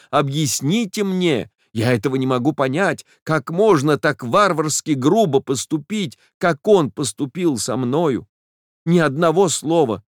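A heartbroken young woman pleads in a high, trembling, tear-choked voice, put on by a male audiobook reader. Her words break and rush as she implores. The sound is close and dry. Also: no room sound, lightly acted. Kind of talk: audiobook character voice.

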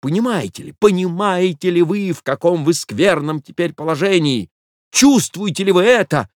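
Male reader as a sneering young man giving a lecture, animated. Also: sits high, normal speed, dry recording, studio quality, voice pushed up. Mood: scolding. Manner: scolding, mocking.

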